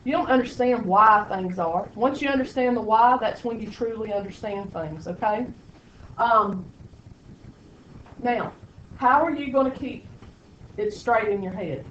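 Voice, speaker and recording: Lady teaching math class, teasing the kids, kinda high voice, echoey room from far off. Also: a little slow, pauses often, a little hiss or hum. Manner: playful teasing, sarcastic asides to students. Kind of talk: classroom lecture. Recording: echoey classroom, distant lo-fi mic.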